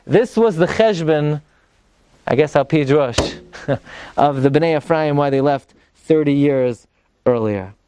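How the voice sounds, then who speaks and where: A man with giving an animated religious class as a rabbi, emphatically posing questions and answering them. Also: fairly high pitch, slow, pauses often, slight background noise. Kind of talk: animated Torah lecture.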